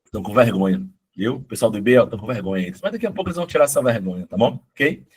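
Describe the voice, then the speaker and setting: Hoarse from a cold, a middle-aged man with a husky, lowish, slightly mellow voice teaches a live online math exam-prep class. He talks very fast and animatedly in a chatty, coaxing way, frequently checking in with his students.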